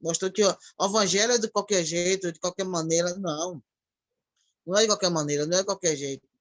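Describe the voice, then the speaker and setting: A church sister with a fairly low voice talks fast in a devotional ministry chat. She speaks earnestly and repetitively, thinking aloud as she goes, with no echo.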